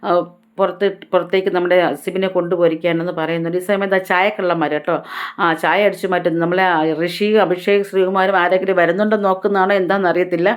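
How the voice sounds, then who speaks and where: A woman's voice: on the low side, flat delivery, quick pace. A woman vlogger giving a chatty, casual recap of a reality show episode, retelling who said what. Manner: chatty, tag-heavy retelling.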